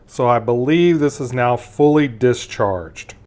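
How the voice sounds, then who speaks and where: In a casual gadget demonstration, a man reviews a product hands-on, methodically walking through and explaining every step. His medium-pitched voice is a little mellow, with lively intonation and a measured pace.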